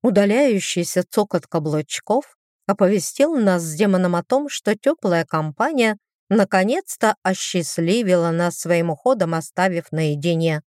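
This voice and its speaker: A woman's voice: lowish voice, animated, normal speed, a little mellow, dry recording, clean studio sound. A woman narrating a first-person romantic fantasy audiobook, telling the story expressively with a light touch of irony.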